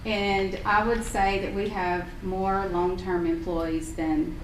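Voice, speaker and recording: A woman's voice: medium pitch, slow. A middle-aged woman, a hospital imaging director speaking off the cuff at a county meeting in a friendly, chatty way full of ums. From Sequatchie Valley, Tennessee. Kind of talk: unprepared public remarks. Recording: echoey hall, distant mic, steady hiss.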